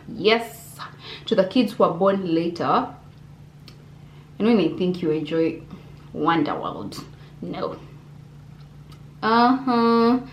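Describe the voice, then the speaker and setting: A woman's voice: mid-range voice, darkish tone. A young adult woman from Uganda, chatting expressively to viewers in a casual Q&A vlog from her bedroom. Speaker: vlogger. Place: bedroom indoors. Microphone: camera on desk facing her. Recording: roomy bedroom echo, faint hum.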